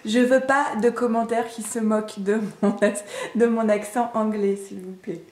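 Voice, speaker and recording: Brief: female card reader, mellow voice, measured delivery, echoey room. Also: on the high side. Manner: calm, measured reading with occasional self-corrections. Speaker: tarot and oracle card reader. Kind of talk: reading oracle card messages aloud.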